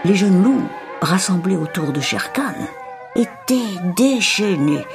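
A male storyteller reading a children's tale aloud, expressive and measured. Faint music plays under his voice. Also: high voice. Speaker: narrator. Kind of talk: scripted storybook narration.

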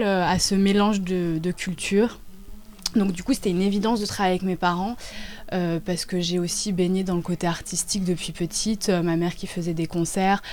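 A woman in her twenties, a dancer and choreographer, talks about her work in a casual interview, halting often as she searches for words. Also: medium pitch, darkish tone. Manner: halting, with many hesitations.

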